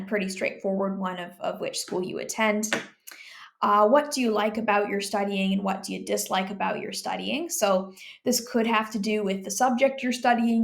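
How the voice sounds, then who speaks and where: A young woman from Ontario, Canada, working as an exam tutor, explaining speaking-test questions in a relaxed, chatty way with many fillers and tag questions. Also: medium pitch, gravelly. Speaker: IELTS tutor.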